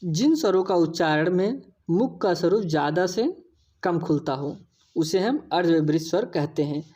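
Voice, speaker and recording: Mellow-voiced woman teaching a lesson. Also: lowish voice, animated, moderate pace, husky. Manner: explains patiently, repeats key points, addresses viewers as friends. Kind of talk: exam-prep lesson.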